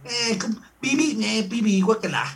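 A man's voice: high-pitched, unhurried, crowd noise. A Mexican man hosting a casual comedy podcast, joking like a frat bro with crude slang and plenty of swearing. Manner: laughs often while talking. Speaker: podcast host.

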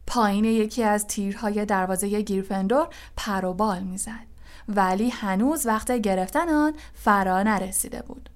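A woman narrates a storybook in a measured, unhurried reading voice. Her voice sits at a middle pitch. At tense points her reading softens to a near whisper. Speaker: audiobook narrator. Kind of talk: scripted narration.

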